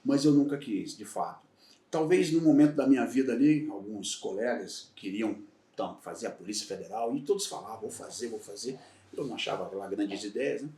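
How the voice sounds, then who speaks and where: With a fairly low, mellow voice that runs a little fast, a Salvador man in his fifties recounts his career as a retired federal police agent on a casual podcast. He speaks Bahian Brazilian Portuguese, reflective and candid, frequently restarting his sentences. The room echoes and his voice sounds far from the microphone.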